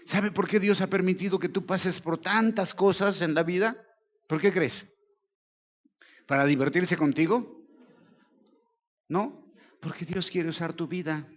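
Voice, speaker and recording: A Mexican man preaching a sermon, his voice sitting a little high for a man. He keeps it conversational and keeps checking in with his listeners. The recording is dull and lo-fi. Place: church service.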